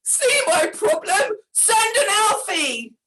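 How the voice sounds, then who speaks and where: A woman voicing a flustered, hiccuping old Father Christmas in a rhyming storybook reading, exclaiming loudly and pleading. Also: sits high, animated, takes it slowly, full character voice.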